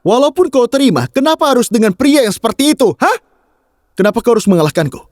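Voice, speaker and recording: A man's voice: very high voice, very animated, fast talker, a little mellow, dry recording, clean studio sound. An actor dubbing a hot-headed young husband who scolds and pleads with his wife in a TV drama. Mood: scolding. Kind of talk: dubbed TV drama.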